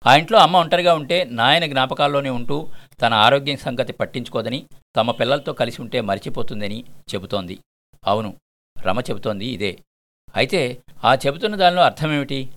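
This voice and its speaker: A man reading a short story aloud as a storyteller, measured and reflective. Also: medium pitch, a bit bright.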